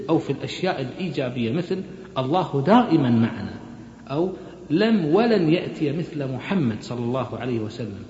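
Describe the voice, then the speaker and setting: A man giving a brisk, instructive self-help lecture that is full of examples. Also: a little high, darkish tone. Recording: echoey hall, muffled sound.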